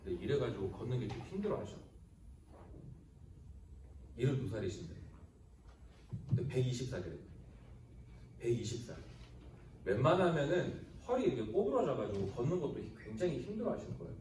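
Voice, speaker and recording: A man's voice: medium pitch, a little fast, pauses often, slight background noise. A man in his thirties, a youth pastor, giving a casual sermon to teenagers and quizzing them as he tells the story. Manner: animated storytelling, asks the audience questions. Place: church hall. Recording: echoey room from a distance.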